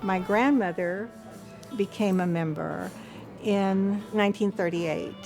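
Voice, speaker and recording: An older woman in her seventies talks slowly and reflectively, taking her time over each thought. Music plays quietly behind her interview. Her tone stays calm and steady. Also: mid-range voice, vocal fry. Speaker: longtime member of a women's association. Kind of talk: interview testimonial.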